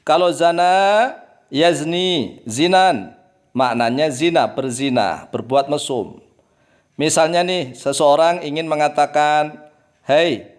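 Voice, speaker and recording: A man teaching Arabic grammar in a religious lesson, repeating key words and drilling their pronunciation. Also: a little high.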